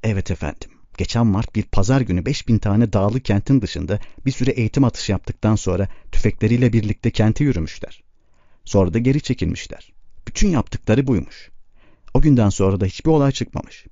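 Man reading brooding bearded old man, low wry tone, lo-fi. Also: lively intonation, brisk, warm tone, no room sound. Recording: dull lo-fi recording.

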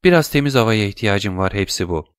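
A man's voice: fairly low pitch, expressive, a little fast, smooth, dry recording, clean studio sound, close to an everyday voice. A man voicing a frightened noblewoman who speaks in a shaken, strained way.

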